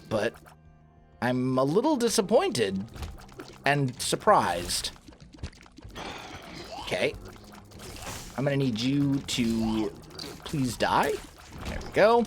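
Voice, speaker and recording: Speaking slowly with long pauses, a man's medium-pitched, fairly bright voice swoops wildly in pitch over soft background music. He's a let's play host, groggy in the morning, casually commenting on a video game, thinking aloud and correcting himself mid-sentence.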